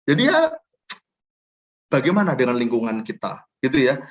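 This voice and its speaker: A man's voice: medium pitch, huge pitch swings, normal speed, muffled recording. A middle-aged man, giving a casual teaching talk with personal stories at a prayer fellowship, chatty and often adding little tag phrases.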